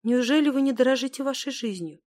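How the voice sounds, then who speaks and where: A young woman caught between love and loyalty, soft-spoken and quietly pleading, as a woman reading the story puts her on. Her words come gentle and low, a storybook heroine holding herself together. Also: fast, close to an everyday voice.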